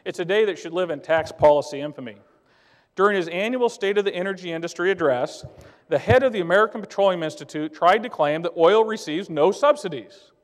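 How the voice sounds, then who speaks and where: A man's voice: high voice, a little fast. Emphatic man speaking in a reverberant hall. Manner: emphatic, plainspoken, persuasive. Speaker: trade association director giving a speech. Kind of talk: conference speech. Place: conference hall.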